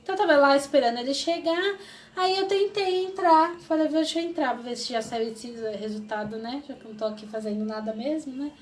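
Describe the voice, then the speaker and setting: A Brazilian woman in her thirties telling an emotional personal testimony as an interview guest, lively and acting out what people said. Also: high-pitched, quick pace. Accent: Brazilian Portuguese. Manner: lively, acts out quoted voices, laughs often.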